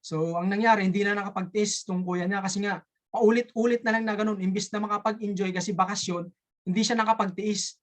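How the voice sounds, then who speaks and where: A speaker with an Ilonggo accent telling a story in a casual, halting way, often stopping to search for words, as a participant in an online coaching session. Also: mid-range voice, steady tone.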